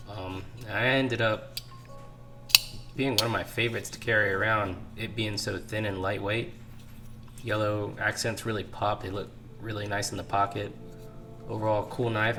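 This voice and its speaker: Recovering from an illness, a hoarse knife hobbyist hosts his channel from a home garage workbench, showing off what he bought. His pitch is fairly low, and he talks through the pieces in a relaxed, casual vlog style, leaning on fillers.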